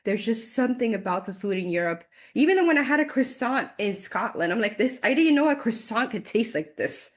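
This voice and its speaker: As excitement takes hold, this woman in her forties repeats words and breaks into frequent laughter while chatting energetically as a guest in an informal interview. Her pitch is fairly high, and she talks fairly quickly with few pauses.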